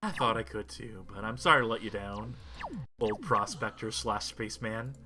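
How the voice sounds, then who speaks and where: A man's voice: on the low side, normal speed. A man doing casual gameplay commentary with wry, folksy asides. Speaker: video game streamer. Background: game music and sound.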